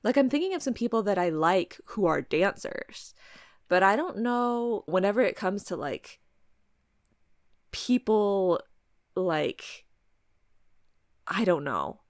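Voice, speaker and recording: A woman hosting a podcast in casual chat, halting as she carefully picks her words and talks around them. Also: medium pitch, big pitch swings, dry recording, clean studio sound. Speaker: podcast host. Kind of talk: casual podcast chat during a word game.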